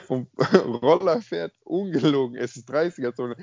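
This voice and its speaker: A man's voice: mid-range voice, a little slow, vocal fry, darkish tone, no room sound. Slangy young man on a dull call recording. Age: young adult. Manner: slangy, emphatic, peppered with filler address words. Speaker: podcast co-host. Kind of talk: casual chat and storytelling. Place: at home on an internet call. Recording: slightly dull internet call audio.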